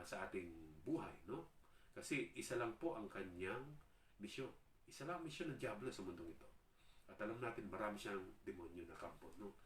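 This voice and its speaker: A man with a Filipino accent preaching a sermon, earnest and steady, mixing English into his talk and often checking in with his listeners. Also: lowish voice. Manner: Taglish preaching, earnest, frequent tag questions. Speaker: pastor. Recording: echoey room, voice far from mic.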